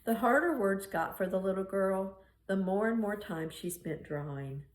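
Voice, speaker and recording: A woman reading a children's picture book aloud in an expressive storytelling style. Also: mid-range voice, normal speed. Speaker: storybook reader. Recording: roomy, echoing room sound.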